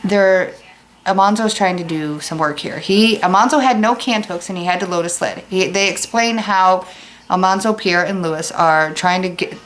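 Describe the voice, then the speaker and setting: A woman's voice: fairly low pitch, moderate pace, fairly bright tone, slight background noise, low-quality recording. A woman teacher reading a chapter aloud to her pupils and explaining it in a casual, chatty way. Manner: casual, chatty asides to students.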